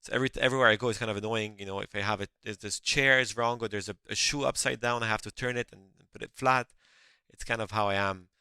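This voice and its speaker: A middle-aged company founder, a native French speaker who grew up in France and learned English later, answers interview questions earnestly and often restarts his words. His voice is fairly low and steady, quick, pushed and bright. The sound is clean with no echo.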